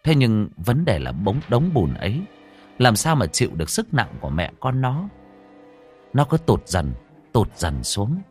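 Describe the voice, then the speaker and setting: A man narrating an emotional story in a dramatic, expressive way. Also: fairly low pitch, measured pace, faint music behind.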